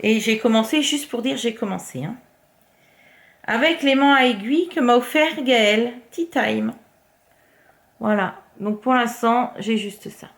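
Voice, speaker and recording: A woman talks casually to her viewers about her craft projects, her voice sitting fairly high. She is chatty and full of little fillers. Now and then she drops to a soft murmur while she shows things off. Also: takes it slowly, gravelly, pauses often. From France. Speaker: craft vlogger. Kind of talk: casual show-and-tell chat.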